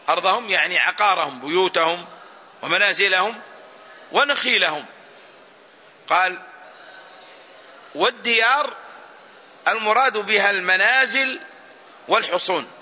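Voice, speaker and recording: A male scholar teaches a religious lesson in a high, piercingly bright voice. He moves through his explanation deliberately and repeats key phrases so that they sink in. The recording is muffled and lo-fi. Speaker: Islamic scholar teaching Quran exegesis. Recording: dull lo-fi recording.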